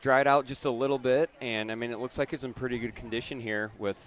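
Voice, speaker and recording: Relaxed man giving football color commentary. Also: medium pitch, fast. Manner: relaxed, conversational. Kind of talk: local high school football broadcast.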